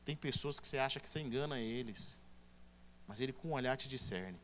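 Bright-voiced preacher man. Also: mid-range voice, expressive, brisk, slight background noise. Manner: emphatic, swings from hushed to loud. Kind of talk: sermon.

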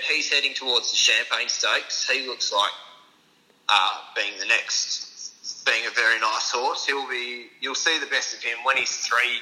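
An Australian man answers interview questions casually, in a strikingly bright, sharp voice. His pitch sits in the middle for a man. His way of talking is informal and understated, that of a working strapper. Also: poor audio. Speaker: racehorse strapper, interview guest.

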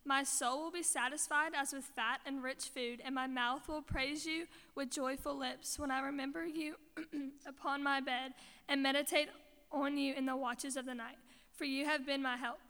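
A woman reading scripture aloud in church at a measured, even pace. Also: sits high. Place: church sanctuary. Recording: long hall reverb of a church.

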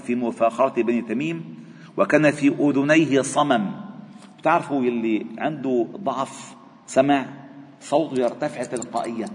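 A man with a Lebanese accent teaching a religious lesson in a mosque. He reads a classical text formally and explains it in lively colloquial asides. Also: mid-range voice. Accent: Lebanese Arabic. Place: mosque prayer hall. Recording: long reverb of a mosque hall.

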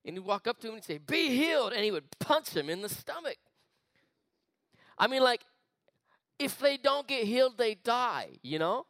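Animated high-voiced preacher man. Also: no room sound. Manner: animated, conversational preaching with quick asides. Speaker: youth pastor. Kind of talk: energetic sermon. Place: church meeting room.

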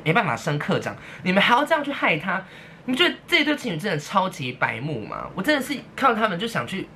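Solo woman podcaster; animated, theatrical rant, bright tone. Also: low-pitched, slight background noise. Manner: animated, exaggerated, mock-outraged, laughing often. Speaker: podcast host.

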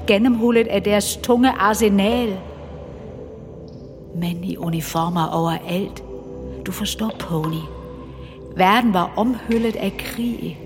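A woman voicing a wistful mother speaking from the sky in slow, rambling reminiscence. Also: lowish voice, lightly acted. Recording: long reverb with music.

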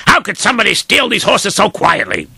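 A rich, hot-tempered lord, played by a man, barks orders in a high, swooping, bright voice full of gravelly fry. The sound is husky and dry. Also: very animated, slow pace, no echo, exaggerated voice. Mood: furious. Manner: bossy, barking orders. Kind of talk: amateur audio storytelling.

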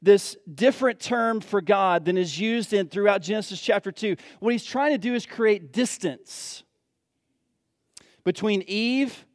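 High-voiced man preaching a sermon. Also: unhurried, dry recording. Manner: earnest, repeats key phrases for emphasis.

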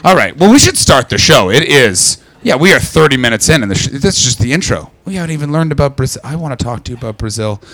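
Brash, bright-voiced comedian doing crowd work. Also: male voice, medium pitch, very animated, fast talker, few pauses, dry recording. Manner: brash, profane, teasing the audience, switching to loud shouting. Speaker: stand-up comedian. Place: London comedy club.

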